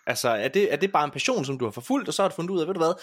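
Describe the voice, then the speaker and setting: Higher-pitched man hosting a casual podcast. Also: sing-song. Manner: opinionated, bantering. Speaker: podcast host.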